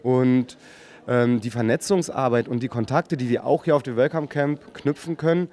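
A man's voice: medium pitch, fairly even intonation, normal speed, a little mellow. A man making a fluent, formal statement. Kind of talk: event statement.

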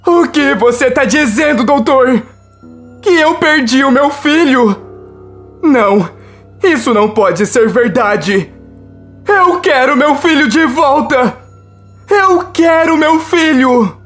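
A woman's voice: lively intonation, slow pace, faint music behind. A woman voicing a frantic grieving mother. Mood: panicked. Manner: wailing, high and loud.

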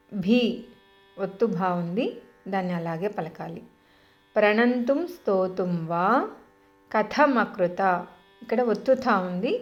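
A woman teaching devotional hymn recitation, singing each verse slowly and then explaining the pronunciation in quick spoken remarks. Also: mid-range voice, a little mellow.

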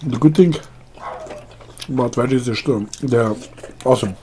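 A man in his thirties, chatting casually between bites while eating a meal with his partner in a bright room. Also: mid-range voice, moderate pace, slight background noise. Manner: relaxed, speaks few words between mouthfuls. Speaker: co-host of a food channel. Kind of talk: casual mukbang chat. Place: sunny room with large windows, indoors. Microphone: table mic in front of the couple. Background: soft background music.

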